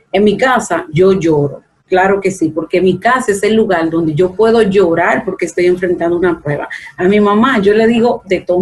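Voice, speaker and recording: Guest: woman, earnest, mid-pitched, sermon-like talk on faith. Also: a little mellow. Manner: preachy, earnest, acts out quoted complaints.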